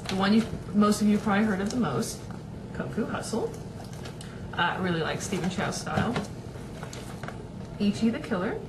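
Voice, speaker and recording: A woman's voice: mid-range voice, animated, normal speed, pauses often, heavy background noise. Chatty young woman on a webcam. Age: young adult. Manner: rambling, chatty, many fillers and restarts. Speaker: vlogger. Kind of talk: casual webcam chat. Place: small home room, indoors. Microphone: webcam at desk.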